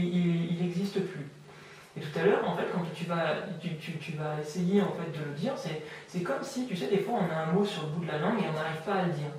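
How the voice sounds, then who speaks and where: Higher-voiced man hypnotizing, echoey room. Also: slight background noise. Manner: slow soothing repetitive suggestions; hesitant, many fillers. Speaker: amateur hypnotist. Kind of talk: hypnosis session. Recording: very echoey room, mic far off.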